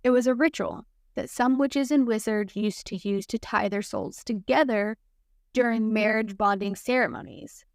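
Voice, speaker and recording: A woman's voice: fairly high pitch, normal speed, dry recording, natural voice. Hermione, a woman reading as a sarcastic young witch. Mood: explaining. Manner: dry, teasing drawl.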